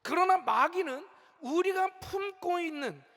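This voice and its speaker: A man's voice: very high voice, expressive, measured pace, fairly bright tone. A man preaching a sermon as senior pastor, animatedly acting out complaining churchgoers and often asking the congregation questions. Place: large church sanctuary. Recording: long church hall reverb.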